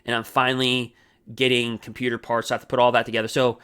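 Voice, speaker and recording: A man hosting his own card game channel, talking fast and energetically in a rambling, casual way with many asides. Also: medium pitch, monotone, pushed and bright, clean tone. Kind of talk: casual solo gameplay commentary. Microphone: desk microphone.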